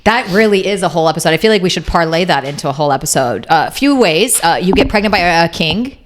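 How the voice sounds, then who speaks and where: A woman's voice: lowish voice, expressive, quick pace, background noise. A woman co-hosting a podcast, chatting casually in a jokey, rambling way with many restarts. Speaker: podcast co-host. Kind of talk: casual chat.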